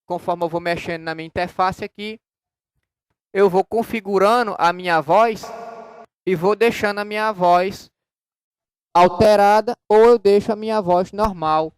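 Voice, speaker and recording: A man walks viewers through a software tutorial in a loose, chatty way. His voice sits high, and he records on a studio mic through an audio interface. The sound is dry and close, with no room echo. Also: moderate pace, smooth. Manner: chatty, explains step by step, repeats short mic test words. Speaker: software developer demoing his program. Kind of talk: casual screen-recorded tutorial. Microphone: studio microphone through an audio interface.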